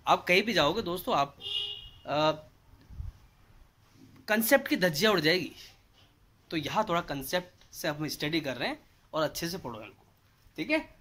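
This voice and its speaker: An Indian physics teacher in his thirties gives a whiteboard lesson indoors, his bright voice sitting high. He's animated, quizzing the class with rhetorical questions and then answering them himself.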